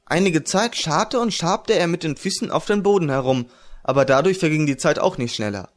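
A man narrating a fantasy audiobook in a measured, even reading. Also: a little high.

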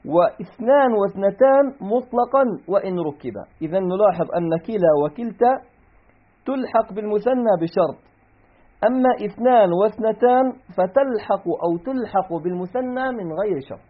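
A man's voice: sits high, lively intonation, moderate pace. Man teaching grammar over tinny audio. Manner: explains step by step, reads the source text aloud, then parses examples. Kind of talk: classical Arabic grammar lesson. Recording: tinny phone-like recording.

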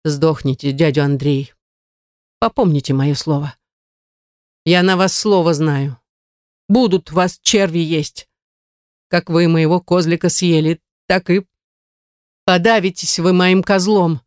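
A woman's voice: fairly low pitch, fairly even intonation, measured pace, long pauses, a little mellow, no room sound, studio quality, close to an everyday voice. A reader voicing an old grandmother who shrilly curses and accuses a neighbour in an audiobook. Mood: bitter accusing. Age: older. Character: old grandmother, bitter, cursing, superstitious.

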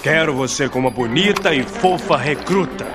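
An actor voicing a scheming penguin commander in an animated film, giving clipped military orders. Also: male voice, fairly high pitch, a little fast, loud music behind the voice. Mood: commanding.

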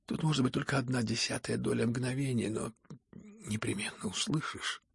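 A man with a husky, gravelly voice voicing a gentle young prince who speaks thoughtfully and often sinks into a whisper. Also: medium pitch, dry recording. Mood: hushed, musing. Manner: musing, slows down and drops to a whisper.

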